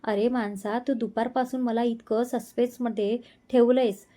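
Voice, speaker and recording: A man's voice: extremely high pitch, fairly even intonation, normal speed, warm tone. A woman voicing a fed-up young man, the hero's best friend, pestering him with bewildered questions. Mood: exasperated. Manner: irritated, bewildered.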